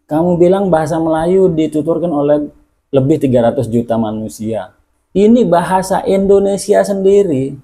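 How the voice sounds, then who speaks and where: A man's voice: medium pitch, warm tone. A man hosting his own channel, giving indignant commentary full of rhetorical questions. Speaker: channel host. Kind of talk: opinion commentary.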